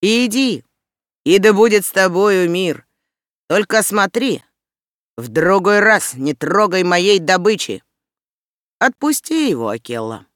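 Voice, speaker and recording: A defiant wolf-raised boy, as an audiobook reader plays him, commanding and mocking by turns. He speaks raised and loud, a little above the reader's usual pitch. The recording is dry and close. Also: sing-song, takes it slowly, pauses often, no echo.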